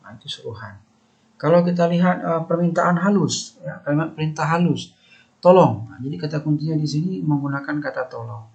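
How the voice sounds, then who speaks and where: A man with a slightly high voice talks through a lesson over slides. He explains each point step by step and repeats key phrases. The sound is dull and lo-fi. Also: a little fast, gravelly. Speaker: teacher. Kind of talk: recorded lecture over slides. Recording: dull lo-fi recording.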